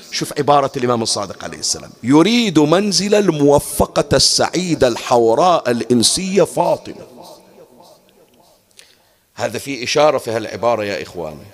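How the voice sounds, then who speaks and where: A man preaching a sermon, his voice pitched high and swinging widely up and down. He poses rhetorical questions to the gathering and lifts certain phrases into a melodic chant.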